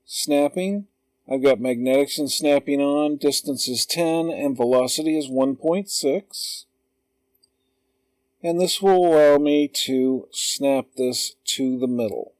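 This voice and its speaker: A man calmly talking through a drawing tutorial step by step, in an unhurried voice-over. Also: mid-range voice, dry recording. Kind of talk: slow screen-recorded tutorial.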